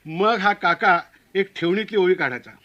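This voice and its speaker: A man's voice: high-pitched, normal speed, bright, forceful tone, muffled recording. A man telling a comic story of his own wedding in a wry, self-mocking way.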